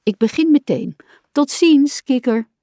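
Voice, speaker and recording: A woman's voice: sits high, animated, measured pace, warm tone, dry recording, studio quality, voice pushed up. A woman reading aloud and voicing a chirpy, eager female duck in a storybook.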